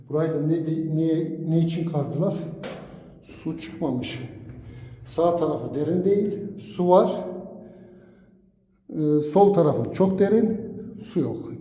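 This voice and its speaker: A man narrating an informal exploring vlog to his viewers in a halting way, his voice ringing with cathedral-like echo in an underground rock chamber. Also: fairly high pitch, warm tone, slight background noise. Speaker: vlogger and local guide. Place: deep underground city, damp carved rock chambers. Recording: echoey underground chamber, long reverb, distant mic.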